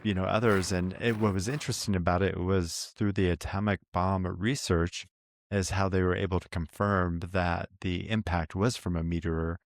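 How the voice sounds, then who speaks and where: A man with a fairly low voice speaks in an easygoing, thoughtful way as co-host of a travel vlog. He explains things at length in casual chat, and the recording is dry and close. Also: level tone, moderate pace, dry recording.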